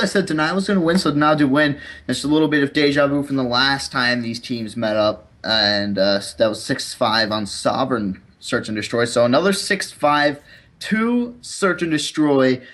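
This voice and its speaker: Bright-voiced, boastful male esports caster. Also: mid-range voice, moderate pace, hardly any pauses. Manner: confident, boastful, rambling analysis. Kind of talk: color commentary.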